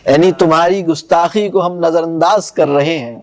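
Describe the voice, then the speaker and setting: A man giving a lecture on classical poetry. He recites verses slowly and solemnly, then explains them in quick, conversational asides and checks whether his listeners follow. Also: on the high side. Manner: asks listeners whether the point is clear.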